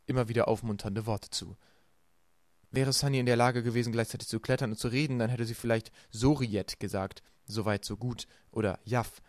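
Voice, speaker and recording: A man reading a children's novel aloud as the narrator, telling the story in a lively way. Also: mid-range voice, no echo. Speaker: audiobook reader.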